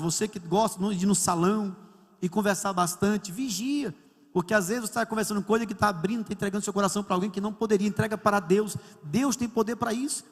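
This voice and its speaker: A man's voice: high voice, a bit bright. A man preaching a sermon as a pastor, telling stories and acting out the dialogue. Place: large church hall. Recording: long church hall reverb.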